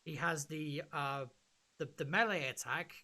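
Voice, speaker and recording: A podcast host chatting excitedly and rambling about a video game, with many restarts. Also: mid-range voice, measured pace. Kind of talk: casual gaming podcast chat.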